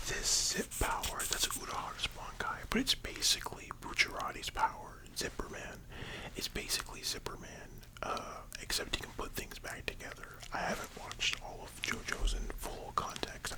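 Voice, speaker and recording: A young adult ASMR host talks about anime in a soft, sleepy whisper like you'd use in a library, rambling informally with casual asides. The recording is rough.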